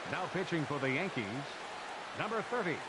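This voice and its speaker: A man voicing a formal stadium announcer heard over the ballpark loudspeakers, drawing out each name slowly. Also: on the high side, expressive. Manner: slow, drawn-out formal announcing. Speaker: stadium public address announcer. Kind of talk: video game stadium announcements. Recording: over loud ballpark noise. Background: loud stadium ambience.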